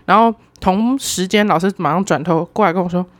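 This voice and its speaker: Young woman with a Taiwanese Mandarin accent, solo podcast host; lower-pitched, animated and self-mocking delivery. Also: fairly quick. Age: 20s. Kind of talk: casual solo storytelling.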